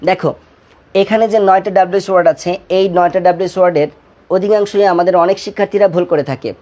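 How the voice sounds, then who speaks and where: A man with a Bengali accent teaching an English lesson to students in an online class. He repeats words slowly and drills their pronunciation. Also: high voice, fairly even intonation, darkish tone.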